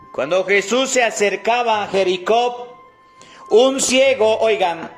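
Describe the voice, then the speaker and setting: A priest giving a sermon, speaking with emphasis and asking rhetorical questions, sinking to a low, soft voice on key words. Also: male voice.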